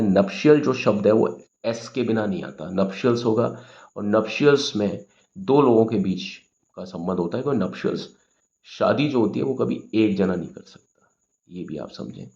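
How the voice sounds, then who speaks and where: Gravelly low-voiced male grammar teacher. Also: a little mellow, muffled recording. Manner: explains patiently in Hindi with English terms, often asks "okay?". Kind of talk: explaining grammar to students.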